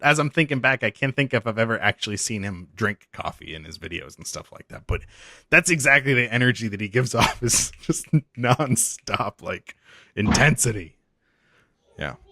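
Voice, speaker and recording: A man co-hosting a podcast in casual chat, easygoing and quick to laugh. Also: medium pitch, lively intonation, pushed and bright, no echo, clean studio sound. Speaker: podcast co-host.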